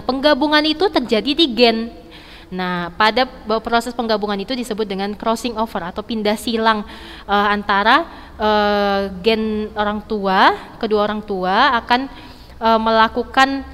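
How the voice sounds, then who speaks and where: A woman's voice: on the high side, fairly bright tone, smooth. A woman teaching a school lesson, explaining step by step, repeating key points and checking that students follow. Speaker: biology teacher. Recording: reverberant, hall-like echo.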